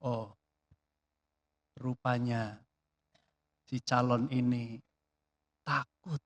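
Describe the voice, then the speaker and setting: A man preaching a sermon in a church, chatty and lively, with rhetorical questions and sudden swings between loud emphatic bursts and quiet asides. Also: mid-range voice, drawn-out words. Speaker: pastor.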